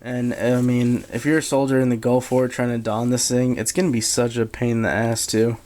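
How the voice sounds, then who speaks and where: Man, monotone, average pitch, halting low-key delivery, casual product review, background noise. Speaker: military surplus collector reviewing gear. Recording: steady background noise, handheld camera.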